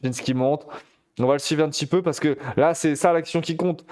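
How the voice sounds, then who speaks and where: Excitable esports caster, high voice. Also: male voice, brisk. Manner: chatty, excitable, addresses viewers directly. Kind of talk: live game commentary.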